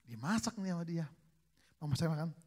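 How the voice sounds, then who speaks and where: In a church service, a male pastor preaches with a slightly high, lively, brisk, darkish voice. He's a joking storyteller who tells family stories and acts out the dialogue.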